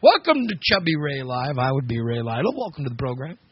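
A man's voice: mid-range voice, very animated, a little fast, breathy edge, no echo. A man hosting a casual comedic internet talk show, rambling and interrupting himself as he chats. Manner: rambling, self-interrupting, chatty. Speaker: show host. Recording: dull lo-fi recording.

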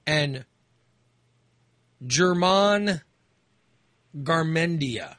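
An American man hosts a loose radio chat, his bright voice swinging up and down as he talks. He rambles and restarts, and a dry, close studio mic leaves little room sound. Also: fairly high pitch, lively intonation, dry recording. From United States. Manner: rambling, halting, with restarts and fillers. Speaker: radio host.

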